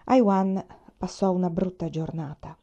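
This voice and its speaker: A woman reading a novel aloud in a steady, measured way. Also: on the low side. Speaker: audiobook reader. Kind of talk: scripted narration of a novel. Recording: dull lo-fi recording.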